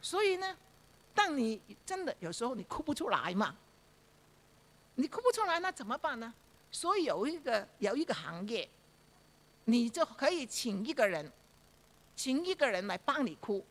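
A woman's voice: on the high side, big pitch swings, normal speed, fairly bright tone. A woman preaching a sermon, telling a story with rhetorical questions to her listeners and frequent fillers. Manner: frequent fillers and repeated phrases.

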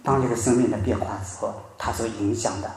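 A man's voice: lowish voice, fairly even intonation, fast. Preaching man in an echoey hall. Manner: storytelling, emphatic rises then soft drops. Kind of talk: sermon. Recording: very echoey room.

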